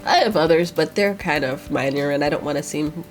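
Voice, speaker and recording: A woman's voice: sits low, fairly quick, faint music behind. Chatty woman vlogger with a stuffy cold. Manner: rambling, chatty, with fillers. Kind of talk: casual chat.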